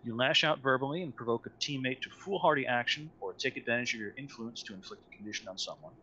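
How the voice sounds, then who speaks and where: A man's voice: medium pitch, fast, pushed and bright, highs cut off, a little hiss or hum. A man acting as game master, patiently explaining rules with many fillers over an online call. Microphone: online call mic.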